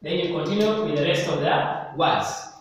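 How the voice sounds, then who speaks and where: A man teaching an English grammar lesson, speaking slowly and repeating and stressing key words, recorded in a classroom. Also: a little high. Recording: echoey hall, mic far off, faint noise.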